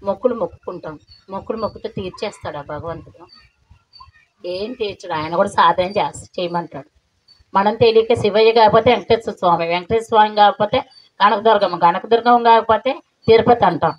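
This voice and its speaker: A woman's voice: medium pitch, fairly quick. Earnest woman teaching meditation, lo-fi. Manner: earnest, preaching, rhetorical questions. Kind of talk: spiritual class talk. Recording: dull lo-fi recording, faint noise.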